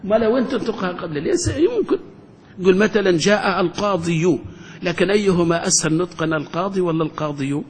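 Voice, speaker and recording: A man, a sheikh teaching a classroom grammar lesson who keeps quizzing the class and slowly draws out his example phrases. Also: animated, slightly rough. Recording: reverberant hall with faint rumble.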